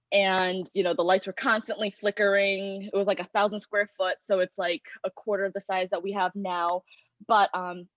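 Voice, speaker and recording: A woman's voice: on the low side, no echo. A young woman, a past competition winner, giving a casual presentation on a video call, chatty with many fillers and "like". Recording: muffled video-call audio.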